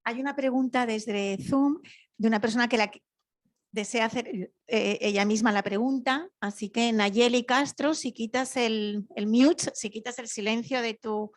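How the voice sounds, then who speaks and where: A woman's voice: on the high side, normal speed, dry recording. Dry-sounding woman moderator. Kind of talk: reading out audience questions. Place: university lecture room.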